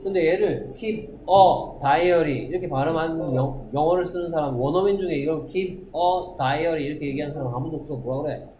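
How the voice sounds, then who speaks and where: A man teaching an English class, drilling pronunciation and quizzing students with quick rhetorical questions. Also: a little high, mellow. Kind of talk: classroom lecture. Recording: echoey classroom, faint noise.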